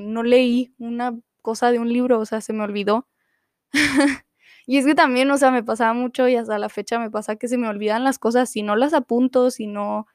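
Young woman host, fairly high voice, rambling personal story, close dry mic. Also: a little mellow, dry recording. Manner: chatty, full of fillers and restarts. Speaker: podcast host.

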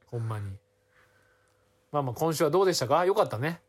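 A young man with a Kansai accent, co-hosting a comedy talk podcast and throwing back loud, exasperated retorts. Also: fairly high pitch, lively intonation, quick pace, husky. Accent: Kansai Japanese. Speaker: podcast co-host. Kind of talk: casual comedy banter.

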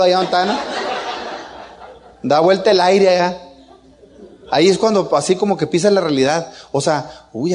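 A man's voice: high-pitched, a little mellow. A middle-aged man with a Mexican accent telling a casual family anecdote, joking and chuckling as he goes. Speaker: father telling a story.

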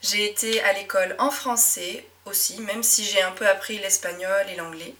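Bright-voiced young French woman teacher. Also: medium pitch, fairly even intonation, moderate pace, distant mic. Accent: Médoc French. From southwest France. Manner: reflective, frequent euh fillers and soft laughs. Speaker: French teacher and podcast host. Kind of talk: casual personal monologue.

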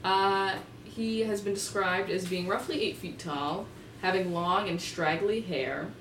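A woman's voice: mid-range voice, a little slow, fairly bright tone. A young woman co-hosting a podcast, telling a local legend in a joking, laid-back way. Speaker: podcast co-host. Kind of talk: casual chat, telling a legend. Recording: echoey, distant mic with hiss.

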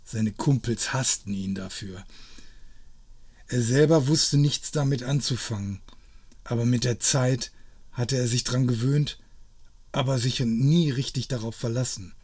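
A man's voice: mid-range voice, a little slow, a little mellow, breathy edge. A man narrating stories aloud in a dry, wry reading style. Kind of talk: scripted story reading.

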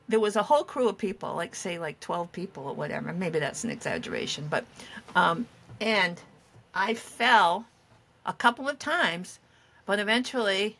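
A woman's voice: medium pitch, a bit bright, breathy edge. A middle-aged woman co-hosting a podcast, telling meandering, self-deprecating stories in casual chat. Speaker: podcast co-host.

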